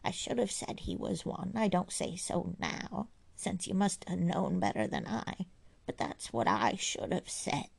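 A woman's voice: fairly low pitch, big pitch swings, a little slow, vocal fry, breathy edge, heavily acted. Woman doing a hollow-voiced crusty old aunt. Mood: scornful. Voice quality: hollow, half-whispered. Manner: rustic dialect, grumbling. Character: crusty bedridden old aunt, blunt and scornful.

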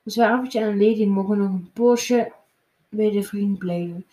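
A woman reading a children's picture book aloud, slowly and with small slips and restarts. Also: mid-range voice, dark tone, reverberant. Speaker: storybook reader.

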